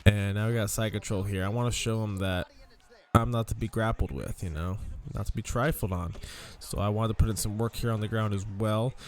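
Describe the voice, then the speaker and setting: A man's voice: on the low side, fairly even intonation, brisk, darkish tone. A young man hosting a gaming channel, rambling tiredly and casually through his game commentary, swearing now and then and yawning. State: sleepy, yawning.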